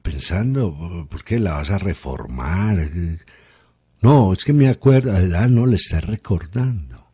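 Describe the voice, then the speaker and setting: A man's voice: low voice, lively intonation, slow, warm tone, slightly rough. A man, a guest on a radio conversation, reflecting aloud and asking rhetorical questions.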